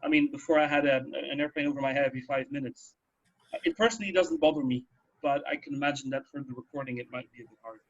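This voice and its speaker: A man co-hosts a radio show from home, talking fast in a medium-pitched voice. He's casual, chatty, and explanatory, often checking in with a "right" or "yeah," and the home recording sounds dull and lo-fi.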